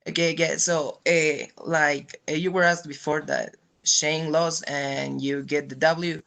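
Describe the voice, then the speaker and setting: A man's voice: fairly high pitch, little pitch movement, a little slow, vocal fry, fairly bright tone. A man working as a sports reporter, putting interview questions at a press conference. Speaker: sports journalist asking questions.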